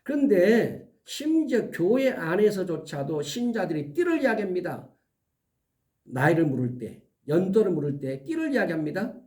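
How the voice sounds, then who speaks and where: A male pastor preaching an earnest sermon, giving emphatic warnings and slowly listing items one by one. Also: high-pitched, sing-song, darkish tone, recorded from a distance.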